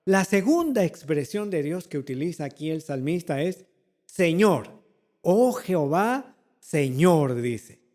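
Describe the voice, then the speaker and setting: Slow, high-voiced man preaching. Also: very animated, a little mellow, in a large hall. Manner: slow, deliberate preaching with repeated phrases and rhetorical questions. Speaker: pastor. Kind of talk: sermon. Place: church.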